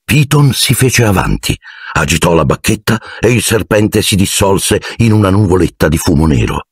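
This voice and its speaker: A man narrating an audiobook in an expressive, dramatic reading on a studio mic. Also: low voice, normal speed, husky, no echo. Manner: dramatic, shifting voices.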